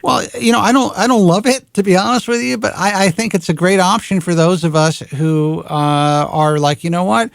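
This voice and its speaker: A man's voice: high-pitched, moderate pace, creaky, hardly any pauses, dry recording, studio quality. A man in his forties hosting a radio talk show, talking frankly and bluntly and swearing casually. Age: 40s.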